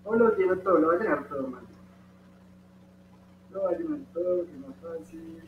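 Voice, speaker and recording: A man with a high voice and a Colombian Spanish accent walks children through folding and coloring a paper dog, checking in with them often. He sounds distant from the microphone, in a roomy space. The recording is dull, with a faint hum underneath. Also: moderate pace. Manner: patient, encouraging, talks to the kids directly. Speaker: origami instructor. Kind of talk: step-by-step craft tutorial for children.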